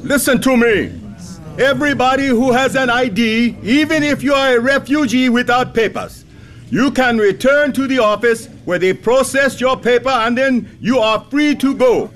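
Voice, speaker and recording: An actor playing a compassionate male soldier in a radio drama, halting with uh fillers. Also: extremely high pitch, fairly bright tone. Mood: commanding.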